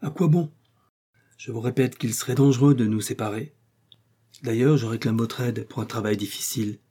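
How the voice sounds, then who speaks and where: A man's voice: medium pitch, moderate pace, dark tone, slightly rough, natural voice. A man reading an audiobook, voicing a resolute male explorer and scientist with a commanding, urgent manner.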